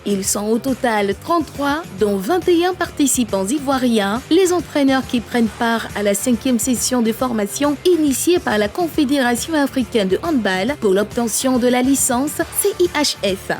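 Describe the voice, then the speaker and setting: A woman reads sports news headlines in a formal, steady announcer style. Her voice sits fairly high, and a faint music bed plays under it. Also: normal speed, hardly any pauses. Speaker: news presenter. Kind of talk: scripted news reading.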